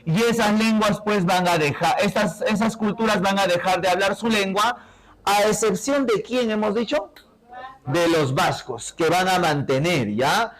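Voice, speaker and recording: A man with a notably high-pitched voice teaching a class with a Peruvian accent. He keeps the lesson moving with rapid questions and tag checks, prodding his students to speak up and answer. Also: fairly bright tone, poor audio. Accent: Peruvian Spanish.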